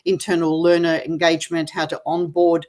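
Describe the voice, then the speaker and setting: A woman's voice: lowish voice, flat delivery, moderate pace, darkish tone. A middle-aged Australian woman with an Australian accent, talking reflectively with many fillers as an interview guest. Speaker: interview guest, gamification expert. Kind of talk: conversational interview over video call.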